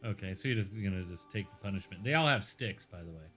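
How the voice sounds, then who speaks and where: A man's voice: low voice, expressive, fast talker, fairly bright tone, soft background music. A man narrating a tabletop game as game master, in a loose, rambling way. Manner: loose, filler-heavy storytelling.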